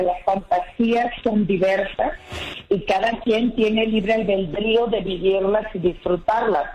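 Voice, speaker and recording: A woman who is a radio sex advice expert, calmly explaining her answer to a listener's question. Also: mid-range voice. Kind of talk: calm advice on a call-in radio show. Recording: roomy, dull radio broadcast sound.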